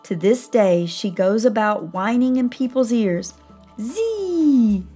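A woman narrating a children's storybook read-aloud in a lively, animated manner. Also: mid-range voice, measured pace, soft background music. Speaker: storybook reader.

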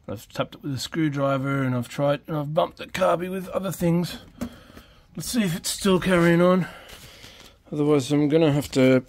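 A man's voice: on the high side, moderate pace, a little mellow, slight background noise. A man, chatting casually on a home car restoration vlog, rambling with lots of ums and restarts, filmed on a phone held close in an open carport. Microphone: phone camera held close.

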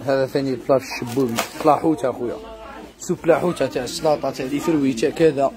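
Fast-talking Algerian salesman in a crowded shop. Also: mid-range voice, steady tone, a crowd in the background. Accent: Algerian Arabic. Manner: calls out prices and addresses customers directly. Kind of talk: rapid sales patter. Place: busy housewares shop.

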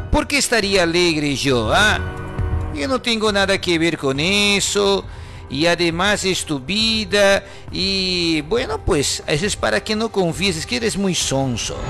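A man's voice: high voice, creaky, heavily acted. A man voicing a younger brother who teases and laughs at his sibling. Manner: teasing, laughing at others.

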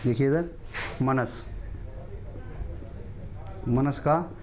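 A middle-aged man teaching a lesson, reciting verses slowly in a chant and then explaining them quickly. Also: mid-range voice, a little mellow, a little hiss or hum. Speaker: Sanskrit teacher.

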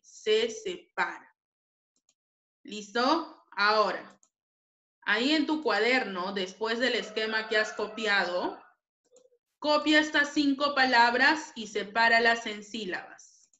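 Slow, bright-voiced woman teaching grammar. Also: on the high side. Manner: patient, repeats points for pupils. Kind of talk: online grammar lesson. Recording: echoey room.

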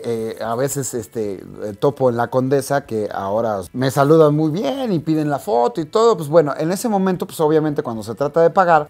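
A young man with a Mexican accent telling a personal story as a vlogger, animated and profane, acting out the dialogue. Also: on the high side. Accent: Mexican Spanish. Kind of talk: storytelling anecdote.

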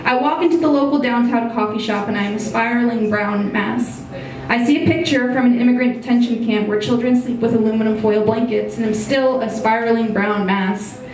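A young American woman reads her personal essay into a stage mic on a stand in a small brick-walled bar. Her voice is on the high side and a little mellow, measured and reflective. She sits far from the mic, so she sounds a bit off-mic in the very echoey room.

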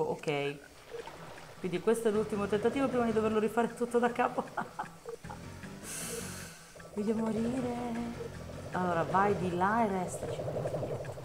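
A woman's voice: medium pitch, unhurried, long pauses. A woman commenting live on her gameplay, talking to the game and bursting out in frustration and swearing. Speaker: gameplay streamer. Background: game music.

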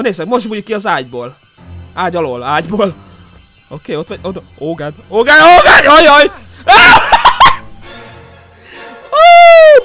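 A young man streaming a horror game live, commenting loudly and excitedly, often shouting at the screen. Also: on the high side. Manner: loud, jumpy, shouting at the screen. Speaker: gaming streamer.

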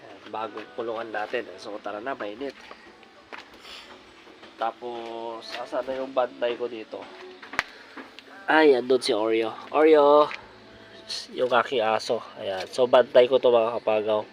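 A man's voice: mid-range voice, fairly even intonation, normal speed, noisy background. A man with a cold, chatting casually to viewers while he shows off a big bird cage outdoors, filming on a phone. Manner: chatty, repeats filler words often, addresses viewers directly. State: has a cold. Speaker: vlogger showing his bird cage. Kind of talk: casual vlog walkthrough. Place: outdoors in a yard beside a large bird cage.

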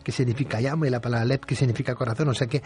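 A man with a Spain Spanish accent hosting a late-night radio interview, courteous and measured, with hesitant fillers. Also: mid-range voice, fairly even intonation, darkish tone. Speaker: radio host.

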